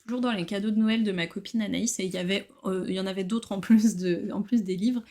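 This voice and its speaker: A woman showing her new books in a casual vlog, chatty and relaxed, with frequent hesitations. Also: mid-range voice, fast talker. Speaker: book collector vlogger. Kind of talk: casual book haul chat.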